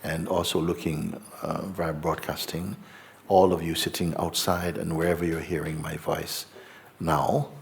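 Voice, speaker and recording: A middle-aged man, a spiritual teacher, gently and slowly guiding a meditation talk in a hall before a live audience. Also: deep voice, level tone, creaky, slight background noise. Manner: slow, gentle, repetitive, hesitant.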